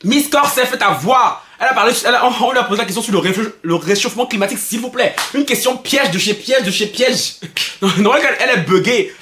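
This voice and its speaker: A young man from Belgium vents in animated gossip commentary, his voice sitting high. He is excitable and mocking, laughs often and stammers through restarts. The room around him echoes noticeably. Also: brisk, noisy background. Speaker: YouTuber commenting on pop culture.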